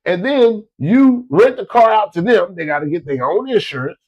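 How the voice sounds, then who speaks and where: Stuffed up from a cold, this Floridian offers folksy, repetitive business tips in a relaxed motivational talk to his listeners. His voice is high and expressive with a darkish tone at normal speed, and the recording is rough.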